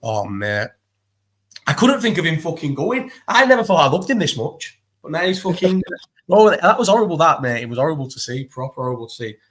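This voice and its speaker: Fast-talking, sweary man. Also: a little high, very animated. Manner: fast, sweary and rambling, with many restarts. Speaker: guest. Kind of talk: casual chat.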